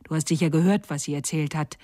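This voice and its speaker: A woman's voice: low voice, steady tone, fast, warm tone, no room sound, clean studio sound. A woman voicing a wild, fierce little robber girl in a storybook, blunt and teasing, at times whispering.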